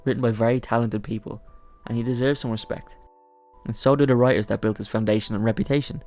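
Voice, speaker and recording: Gravelly man with blunt commentary. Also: on the low side, darkish tone. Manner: blunt, exasperated critique, swears. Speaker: comics commentary host. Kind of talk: casual commentary vlog.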